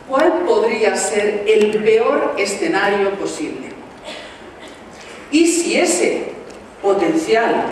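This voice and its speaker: A woman's voice: mid-range voice, a little hiss or hum. A woman from Valencia with a Valencian Spanish accent, giving a motivational talk and firing rhetorical questions at her audience. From Valencia, Spain. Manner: lively, rhetorical questions, addresses the audience directly. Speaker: motivational speaker. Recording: echoey hall, mic from far off.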